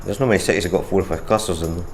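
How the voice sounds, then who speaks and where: Deep, very fast Dundee-accented man. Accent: Dundee Scottish. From Dundee, Scotland. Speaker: community worker. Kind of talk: vox pop interview. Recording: music underneath.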